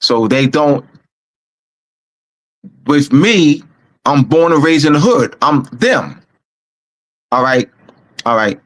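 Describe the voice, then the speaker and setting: A man with a Camden, New Jersey accent, telling a story slowly and reflectively, often repeating words as he thinks aloud. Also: medium pitch, expressive, a bit bright, poor audio.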